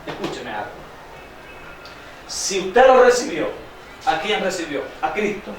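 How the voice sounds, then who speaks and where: A man's voice: sits high, sing-song. Guy preaching, asks the crowd questions back and forth, big echo, mic far off, faint hum behind. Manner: quizzes the congregation with call-and-response questions; reads scripture aloud slowly and emphatically. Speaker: pastor. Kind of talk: sermon. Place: church sanctuary. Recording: very echoey church hall, distant mic.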